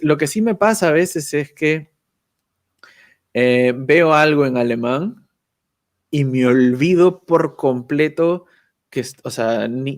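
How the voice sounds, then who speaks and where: A man chatting as a guest on a video call, thoughtful and self-deprecating, often ending phrases with a questioning "right?". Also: mid-range voice. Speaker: guest YouTuber. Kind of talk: casual chat.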